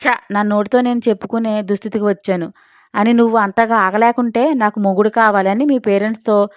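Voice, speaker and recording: A woman's voice: medium pitch, fairly even intonation, fairly quick, no room sound, natural voice. Arrogant young college guy, harsh and contemptuous, read by a woman storyteller; dry, dull recording. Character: arrogant hot-tempered young male college student.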